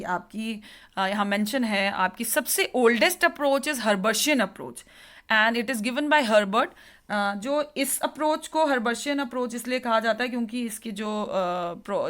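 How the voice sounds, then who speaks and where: A woman teacher educator giving a lecture on lesson planning, explaining step by step in a mix of Hindi and English with frequent pauses. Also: medium pitch, a bit bright. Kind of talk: classroom lecture.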